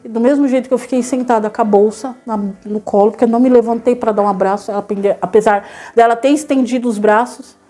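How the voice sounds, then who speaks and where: A woman's voice: on the high side, dark tone. A young woman, earnestly telling her church testimony and addressing the listeners as brothers.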